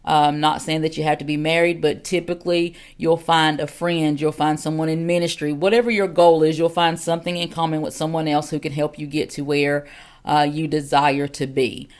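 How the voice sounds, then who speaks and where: A woman's voice: sits low, level tone, normal speed. A woman in her forties, an elder of a ministry, giving a podcast teaching in an earnest, direct way, with many "um"s and repeated questions. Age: 40s.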